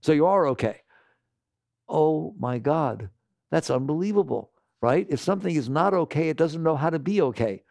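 A man giving an animated talk to an audience, scolding and asking rhetorical questions. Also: a little high, normal speed, creaky, no echo.

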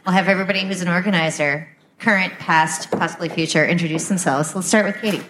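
A woman with a fairly low voice hosts a casual live podcast interview. She talks haltingly, breaking off and restarting as she goes. Faint room noise sits behind her. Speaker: podcast host.

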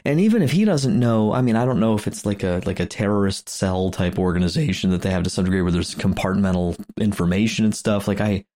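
A man's voice: fairly low pitch, fast talker, hardly any pauses, dark tone. A man co-hosting a podcast in casual chat, rambling with many restarts and frequent chuckles. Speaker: podcast co-host.

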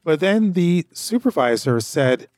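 A man's voice: on the high side, very animated, measured pace, a little mellow, no echo. Rambling man hosting a story podcast. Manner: rambling, repeats himself, conversational. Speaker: podcast host. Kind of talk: casual storytelling.

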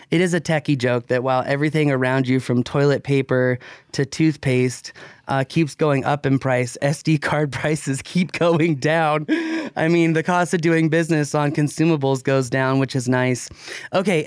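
A man's voice: a little high, clean tone, no room sound, clean studio sound. A man co-hosting a podcast, chatting casually and rambling a little, with restarts. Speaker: podcast co-host.

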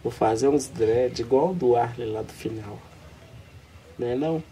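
A man's voice: medium pitch, unhurried, slight background noise, lightly acted. An actor playing a rowdy young man who teases his friend in slangy, crude banter, with a Minas Gerais accent. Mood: joking. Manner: slangy, crude banter, loud mock outrage. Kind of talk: naturalistic film dialogue.

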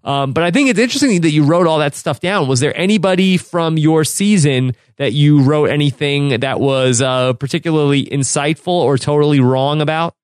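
A man's voice: a little high, normal speed, hardly any pauses, clear, resonant tone, no room sound, studio quality. A man hosting a podcast, asking easygoing, curious questions in casual chat. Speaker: podcast host.

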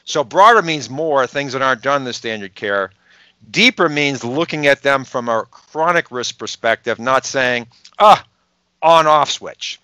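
A man's voice: medium pitch, lively intonation, moderate pace, bright, forceful tone, clear, resonant tone, no room sound. A man with a Boston accent, a podcast guest explaining health research in an emphatic way and asking rhetorical questions. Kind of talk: explanatory interview talk.

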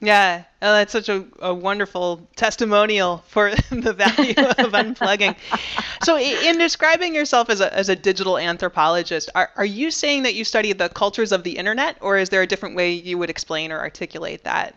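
A woman hosts an interview in a bright, smooth voice. She speaks thoughtfully, pausing with "uh" as she works out her questions. The audio sounds slightly muffled. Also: mid-range voice. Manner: warm, thoughtful, halting with "uh". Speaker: podcast host. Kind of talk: casual interview.

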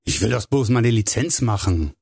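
A man's voice: mid-range voice, animated, moderate pace, creaky, darkish tone, slightly rough. A man voicing a tipsy, stubborn male pilot who talks earnestly and a little sulkily. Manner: sulky, earnest.

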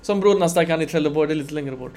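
A man giving a conversational sermon to a gathering, animated, swinging between loud emphasis and quiet asides. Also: fairly high pitch. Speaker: religious lecturer.

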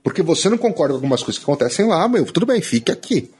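A man's voice: a little high, big pitch swings, racing, darkish tone, breathy edge. A Brazilian man, a guest on a podcast interview, talking casually and emphatically and swearing when he gets annoyed. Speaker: podcast guest, umbanda practitioner.

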